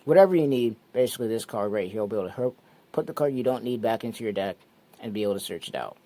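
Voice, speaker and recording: A man's voice: fairly low pitch, very fast. Laid-back man explaining a card deck. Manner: relaxed, repetitive, explaining step by step. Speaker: card game channel host. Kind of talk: casual deck walkthrough.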